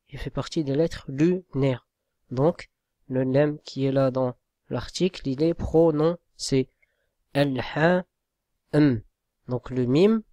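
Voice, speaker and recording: A man teaches Arabic reading in a slow, patient spoken lesson. He spells each sound out letter by letter and keeps checking that his listeners follow. His voice sits a little high and sounds dry and close to the mic. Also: darkish tone, no room sound.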